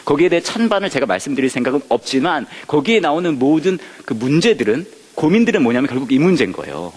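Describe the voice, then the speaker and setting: Lively male pastor in an echoing hall. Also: on the high side, fast talker, husky. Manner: lively, asks the audience questions and jokes. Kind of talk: Bible study teaching.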